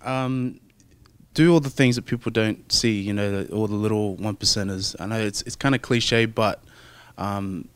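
A young man with an Australian accent, a rugby player answering interview questions in a soft, hesitant, thoughtful way with many fillers. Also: fairly low pitch, normal speed, clean tone.

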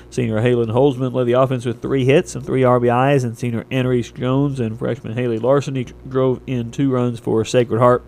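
A man's voice: mid-range voice, a little mellow. An American man anchoring local radio, reading sports scores and weather reports from copy as a news presenter.

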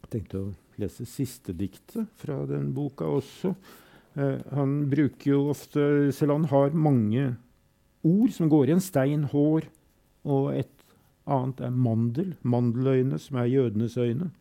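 Guy reading poetry out loud, slow and solemn, gravelly dark voice, quick little comments in between. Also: medium pitch. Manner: slow, solemn recitation with long pauses. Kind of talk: reading poems aloud with brief commentary.

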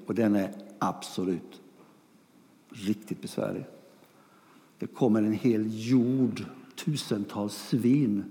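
A man preaching a sermon, retelling a story with lively questions and quiet asides. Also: mid-range voice, big-room sound.

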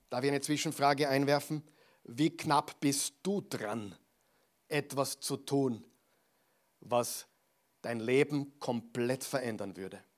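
Ein Mann, der eine Predigt hält, im Gesprächston, der die Zuhörer direkt anspricht und manchmal leise wird. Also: male voice, medium pitch. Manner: conversational, addresses listener directly, drops to soft asides. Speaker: preacher. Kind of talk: sermon.

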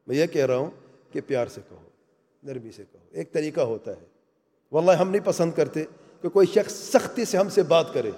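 A man's voice: a little high, warm tone. A man giving an earnest religious talk on family life, speaking emphatically and asking his listeners rhetorical questions. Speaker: Islamic lecturer. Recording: long reverb of a large hall.

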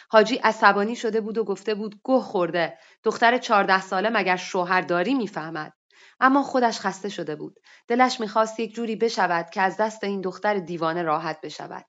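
Woman reading literary prose, steady and measured, mid pitch, dull lo-fi sound. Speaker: reader. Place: online audio room. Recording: dull lo-fi online audio.

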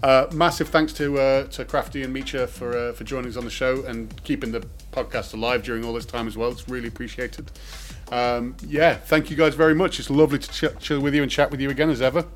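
A man hosts a podcast in a loose, rambling way, full of "uh" and jokes. His pitch sits at an ordinary middle level. Faint music plays underneath. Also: level tone, fast. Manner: rambling, jokey, full of fillers. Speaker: podcast host. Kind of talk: casual chat. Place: remote call. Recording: music playing behind.

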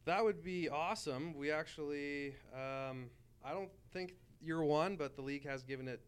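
A man's voice: a little high, moderate pace, smooth. A man speaking as a podcast guest, earnestly promoting his team with frequent "uh" fillers. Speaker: baseball team representative guest. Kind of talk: casual podcast chat.

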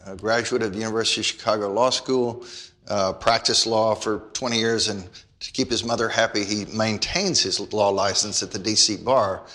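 Brief: male podcast host, measured, formal delivery. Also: on the low side, fairly even intonation, sharp tone. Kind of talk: interview questions and podcast outro.

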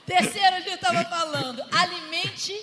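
A woman co-leading a church marriage talk, telling lively stories and laughing as she preaches. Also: very high-pitched, moderate pace, a crowd in the background. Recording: echoey hall with long reverb and faint noise.

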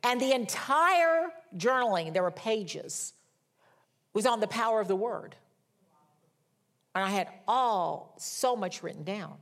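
A middle-aged woman preaching a sermon. She moves from fervent, raised scripture reading to soft, hushed storytelling. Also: mid-range voice, expressive, slow pace, pauses often. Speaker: minister.

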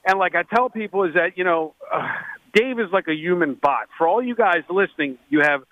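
A man's voice: high-pitched, brisk, no echo. Chatty man on a tinny phone line. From Baltimore, Maryland. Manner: talkative, energetic storytelling. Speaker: co-host. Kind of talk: casual radio chat. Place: Mexican restaurant, phone call.

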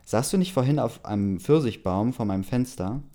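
A man voicing a dry, know-it-all woman who owns a castle, speaking in a deadpan, lecturing way. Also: medium pitch, a little fast, close to an everyday voice.

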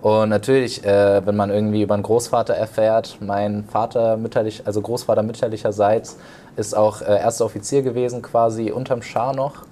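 Low, mellow-voiced startup founder. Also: male voice, little pitch movement, a little fast, slight background noise. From Germany. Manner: earnest and explanatory. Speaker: startup founder, interview guest. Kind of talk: interview answers.

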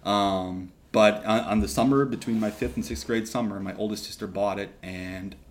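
A young man from Texas, a seminarian guest on a podcast, telling his story casually with lively restarts and asides. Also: on the low side, slight background noise. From Texas, USA. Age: young adult. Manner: animated, quick asides and restarts.

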